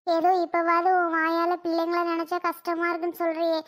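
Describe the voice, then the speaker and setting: A woman voicing a chatty, caring young woman in a cartoon, gently reproachful. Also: very high-pitched, monotone, fairly quick. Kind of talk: cartoon voice acting.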